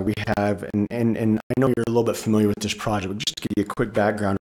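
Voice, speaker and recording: A man presenting a project at a county commission meeting, speaking in a steady monotone. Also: on the low side. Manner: monotone, measured.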